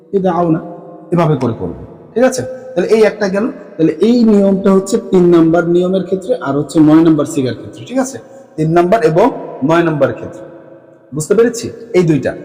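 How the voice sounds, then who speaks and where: A male teacher with a Bangladeshi Bengali accent walks students through a grammar lesson. His voice sits somewhat high, and he keeps checking in with rising questions. The sound carries a long reverb, as if recorded in a hall. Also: dark tone. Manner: counts through items slowly, repeating forms. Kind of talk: classroom lesson explaining grammar.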